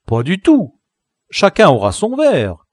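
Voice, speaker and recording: A man reading an audiobook and voicing a boastful, clever village boy with a high, crowing voice. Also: very animated, slow pace, darkish tone, no room sound, studio quality. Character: boastful clever peasant boy, gang inventor. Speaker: audiobook reader.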